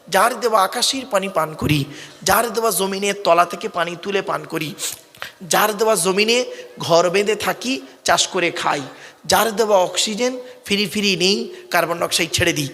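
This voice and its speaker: High bright-voiced preacher man in a hall. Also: moderate pace. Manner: calls the crowd "bap" and "baba", asks it to answer back; drills correct Arabic pronunciation. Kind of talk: Bengali waz sermon.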